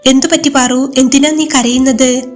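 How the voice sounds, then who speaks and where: A woman voicing a gentle, devoted young husband who speaks with tender, pleading concern in a storybook reading. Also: sits high, steady tone, normal speed, soft background music, natural voice. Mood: tender worry.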